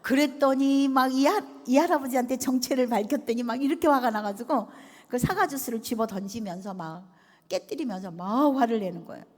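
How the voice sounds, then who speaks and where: A pastor's wife telling her testimony to a congregation, acting out the dialogue of the people in her story with animated storytelling. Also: fairly high pitch. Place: large hall at a retreat resort. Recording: reverberant hall sound.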